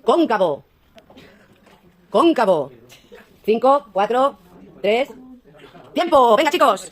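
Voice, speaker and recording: A woman teacher, playfully hosting a classroom spelling contest with teasing remarks and brisk countdowns. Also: a little high, expressive. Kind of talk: hosting a classroom quiz game. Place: school classroom. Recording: classroom with student chatter. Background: noisy students.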